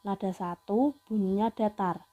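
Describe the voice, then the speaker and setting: A woman teaching a Mandarin lesson to students, slowly modeling sounds for them to repeat. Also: mid-range voice, warm tone, muffled recording, faint music behind. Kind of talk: online class lesson.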